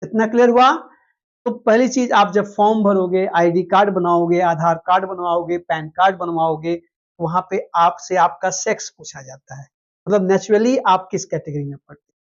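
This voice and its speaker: A woman's voice: fairly low pitch, normal speed, highs cut off. A woman teaching a classroom lecture, explaining step by step, repeating key terms and checking that students follow.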